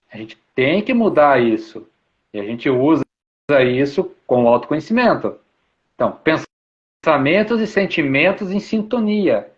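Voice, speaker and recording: Man giving an informal spiritual talk. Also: on the high side. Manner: repetitive, explanatory, uses many tag questions. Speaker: spiritual speaker. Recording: dull lo-fi sound.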